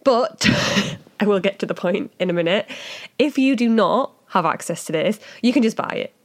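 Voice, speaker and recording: A woman's voice: mid-range voice, lively intonation, moderate pace. A woman with a Hull accent talking casually as a podcast host, explaining things in a chatty, informal way with frequent asides.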